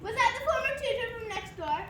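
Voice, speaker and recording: Casting: woman as imperious old lady, piercingly high and sharp, scolding, stage drama, distant mic. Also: animated, quick pace. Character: Aunt March, haughty, domineering rich old woman. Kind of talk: amateur stage play acting. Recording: distant, echoey room, faint noise.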